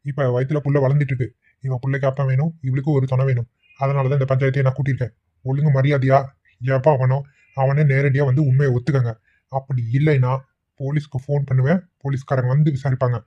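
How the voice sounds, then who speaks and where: A man voicing a cartoon husband and village head, with flat, anxious muttering. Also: mid-range voice, fast. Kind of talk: cartoon voice acting. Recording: dull lo-fi audio.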